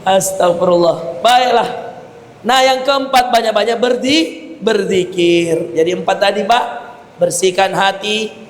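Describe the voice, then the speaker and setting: A man preaching a lively sermon with humorous asides, often addressing listeners directly and reciting Arabic verses. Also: high voice, measured pace. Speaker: Islamic preacher. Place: large mosque hall. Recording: long hall reverb.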